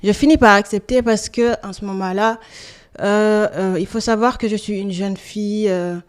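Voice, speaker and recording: A woman around forty from Senegal, answering interview questions in a hesitant, soft-spoken way with many pauses. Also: medium pitch, fairly even intonation, clear, resonant tone. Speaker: guest.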